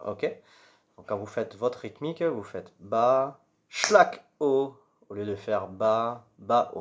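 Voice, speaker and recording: A man teaching guitar chords and strumming in a patient, step-by-step way, singing the strum patterns with syllables. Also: on the low side. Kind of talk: casual guitar tutorial. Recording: guitar playing loud behind speech. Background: acoustic guitar.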